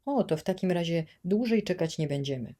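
A woman reading as a cruel shouting administrator. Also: on the low side, lively intonation, brisk. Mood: menacing. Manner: shouting, menacing threats. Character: cruel bullying male town administrator.

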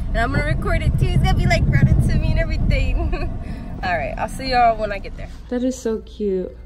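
A woman's voice: sits high, fast, very noisy. A young woman chatting casually into her phone for a vlog, often restarting her sentences. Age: young adult. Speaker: vlogger mom. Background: background music.

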